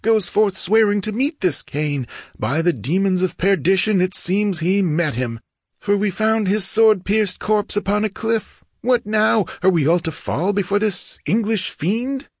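A man's voice: sits high, expressive, a little slow, no echo, clean studio sound, pitched above the performer's own voice, full character voice. A man voicing a fearful, superstitious bandit who speaks gloomily in an audiobook reading. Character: frightened, superstitious male bandit.

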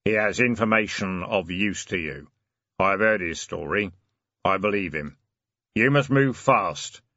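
A man voicing a hooded, broad male stranger who speaks in a deep, slow, solemn way. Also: animated, pushed and bright, dry recording, lo-fi sound, exaggerated voice. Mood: grave.

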